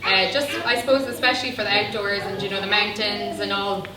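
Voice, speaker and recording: A woman's voice: mid-range voice, fairly even intonation, a little fast. Young woman, Cork Irish accent, chatty, rambling with ums, distant mic, echoey room, noisy. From Ireland (Cork). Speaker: interview guest. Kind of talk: casual chat. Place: busy indoor function room.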